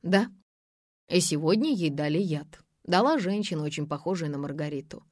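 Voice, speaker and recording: A stern young man presses a suspect with blunt, firm questions, as a woman reader puts him on. Low and dry, read close for an audiobook. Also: expressive, moderate pace, a little mellow, no echo.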